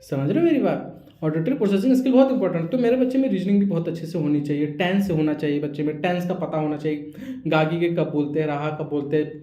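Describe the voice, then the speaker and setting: A speech therapist explains methods to parents in a high, mellow voice, stopping often to check they follow. The room around him echoes. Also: male voice. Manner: explanatory, repeats "samajh rahe ho?" to check understanding. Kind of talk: teaching talk to parents.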